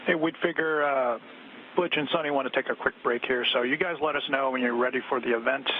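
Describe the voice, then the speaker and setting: A man's voice: medium pitch, fairly even intonation, fast talker. Man on a tinny mission control radio call. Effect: space-to-ground radio. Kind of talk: astronaut radio call, informal procedural talk. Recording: tinny noisy radio link.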